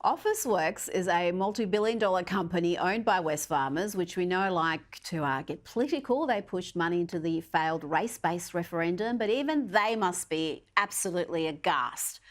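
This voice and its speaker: A woman's voice: on the low side, expressive, normal speed, hardly any pauses. Sarcastic woman news host. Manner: sarcastic, mocking. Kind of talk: scripted opinion commentary.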